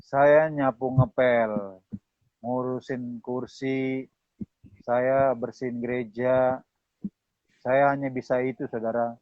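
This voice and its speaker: A man's voice: mid-range voice, little pitch movement, slow, long pauses, no room sound. A male pastor from Manado, Indonesia, giving a sermon with personal testimony and a closing prayer. He keeps calling his listeners "Saudara" and acts out the dialogue in his stories. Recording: dull muffled lo-fi sound.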